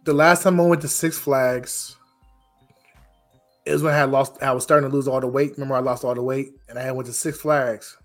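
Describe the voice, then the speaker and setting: Raspy, hoarse man hosting a podcast. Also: mid-range voice, fairly even intonation, a little fast, faint music behind. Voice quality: raspy, rough voice. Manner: informal, frequent you-knows. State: hoarse from getting over a cold. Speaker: podcast host. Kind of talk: casual podcast chat.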